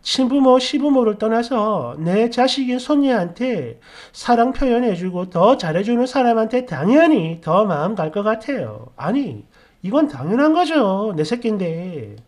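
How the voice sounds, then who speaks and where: A man narrating a dramatized first-person story and reading comments, with animated, exasperated retorts and frequent interjections. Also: high-pitched, normal speed.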